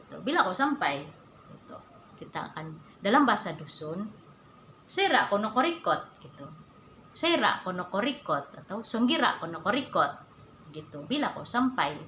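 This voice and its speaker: A woman teaching a spoken language lesson. She repeats each word slowly and stresses the local terms. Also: medium pitch, sing-song, bright, forceful tone, a little hiss or hum. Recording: echoey room.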